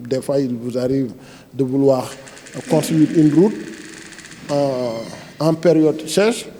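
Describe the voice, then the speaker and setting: Being interviewed as director general of a planning agency, a Senegalese-accented man speaks slowly in a mellow, mid-range voice, with a little hiss or hum. He explains things but often hesitates and starts his phrases over.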